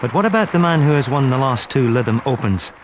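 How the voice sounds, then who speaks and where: A man's voice: mid-range voice, lively intonation, quick pace, crowd noise, noisy background. A man reading scripted narration for a sports documentary.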